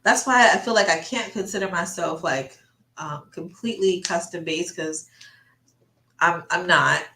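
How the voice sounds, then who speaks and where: A woman with a slightly low voice chats casually in an echoey room. She sounds congested, breathing through her mouth, and rambles along as if thinking aloud on a livestream. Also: measured pace, bright, forceful tone, slight background noise. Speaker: artist livestreamer chatting while painting. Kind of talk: casual chat.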